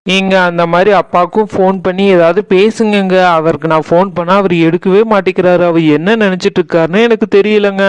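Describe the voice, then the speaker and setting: A cheeky young wife, voiced by a man with a Tirunelveli Tamil accent, who teases and answers back politely. The voice is pitched very high and sounds smooth and clean, recorded dry and close for a cartoon. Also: steady tone, fairly quick, hardly any pauses, dry recording, close to an everyday voice. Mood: tearful. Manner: teasing, talks back politely. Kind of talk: cartoon voice acting.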